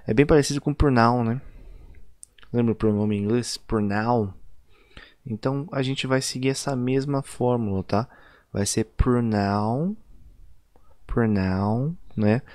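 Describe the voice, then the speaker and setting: A man with a Brazilian Portuguese accent teaching an online lesson in a chatty way, often ending lines with little tag questions and stretching example words out slowly. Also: mid-range voice, a little mellow, dry recording, studio quality. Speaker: English teacher. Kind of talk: casual online video lesson.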